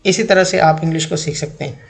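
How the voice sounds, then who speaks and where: A male English teacher in his thirties talks over lesson slides. His voice sits fairly high for a man and has a gravelly rasp. He speaks deliberately and says each example sentence twice. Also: steady tone. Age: 30s.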